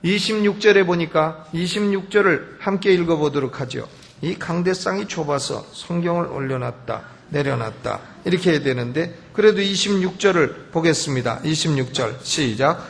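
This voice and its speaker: A man's voice: fairly high pitch, expressive, normal speed, gravelly. A man preaching a Sunday sermon from the pulpit, emphatic, telling stories and asking rhetorical questions. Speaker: pastor. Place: church sanctuary. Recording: long church hall reverb.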